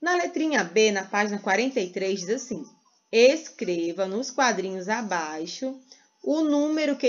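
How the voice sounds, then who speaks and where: A Brazilian woman teaching first graders in a sing-song way, stretching words slowly for small children. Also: fairly high pitch, lo-fi sound. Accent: Brazilian Portuguese. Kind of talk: teaching a recorded lesson to young children.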